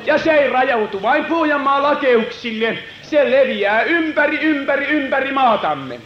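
A man preaching a dramatic revival sermon, swinging from loud proclamation to hushed retelling. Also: extremely high pitch, animated. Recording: roomy, dull lo-fi hall recording.

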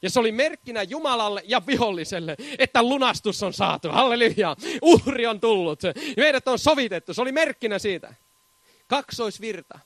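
A man preaching a charismatic sermon, fervent, often shouting hallelujah and laughing between points. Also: high voice, no room sound.

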